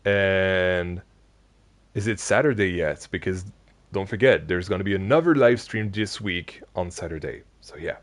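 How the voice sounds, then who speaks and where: A sleepy, yawning streamer, his voice low and a little slow, keeps chatting loosely with his viewers deep into a long building-game session. He rambles casually, restarting sentences and dropping plenty of fillers.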